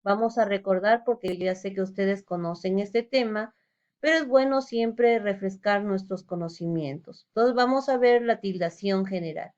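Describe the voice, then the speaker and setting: A woman's voice: medium pitch, normal speed, a little mellow, lo-fi sound. A woman teacher giving a recorded lesson, explaining step by step and asking rhetorical questions.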